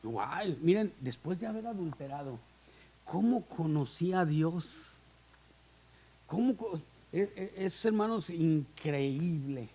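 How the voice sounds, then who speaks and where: A male guest pastor preaching with fervor, his voice sitting high. He keeps addressing the congregation as brothers, pushing his lines with urgency in a church setting. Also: darkish tone. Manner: impassioned preaching, calls on listeners as brothers. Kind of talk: sermon. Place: church hall.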